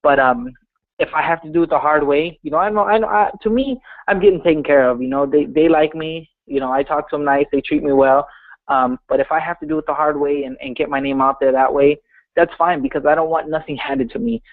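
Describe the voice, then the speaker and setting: A man's voice: on the high side, brisk, no room sound. A man in his twenties, a boxer giving a casual phone interview, speaking earnestly and confidently in short bursts. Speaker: professional boxer being interviewed. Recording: muffled phone line.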